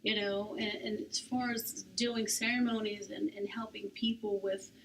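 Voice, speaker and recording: A middle-aged woman speaking as a panelist in a reflective, soft-spoken way, her voice often slipping into a breathy whisper. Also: medium pitch, little pitch movement, moderate pace. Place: room at a healing arts center. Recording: distant mic with faint background noise.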